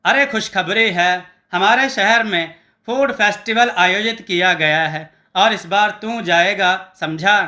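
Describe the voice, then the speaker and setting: A man voicing a stern, bossy middle-aged father who gives gruff commands. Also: sits high, measured pace, pushed and bright, exaggerated voice.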